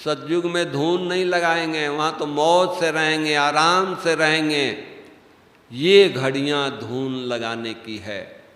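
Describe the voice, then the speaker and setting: A man's voice: fairly high pitch, slow, a bit bright. A man giving a devotional class as a spiritual teacher, preaching emphatically with rhetorical questions. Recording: echoey hall.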